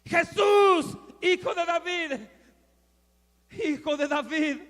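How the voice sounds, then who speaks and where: A preacher acting out a desperate blind beggar man, screaming for help in a high, bright, strained voice. The cries ring out with a long hall reverb. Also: takes it slowly, full character voice. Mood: desperate shouting. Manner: shouting at full voice.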